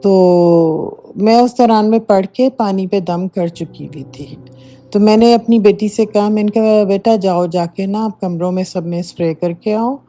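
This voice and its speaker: This middle-aged woman speaks at medium pitch with a dark tone, describing a real haunting from her house in a voice note. She's a listener relating her own experience, talking with emphasis and plenty of fillers while faint music plays behind her.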